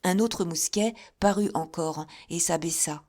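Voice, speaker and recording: Woman audiobook narrator, low voice, slow and deliberate reading. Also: a little mellow. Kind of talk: scripted narration.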